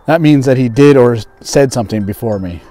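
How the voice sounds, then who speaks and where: With a brisk, mellow, medium-pitched voice, a man in his thirties teaches English on video, performing conversational skits and explaining idioms. Faint music runs underneath.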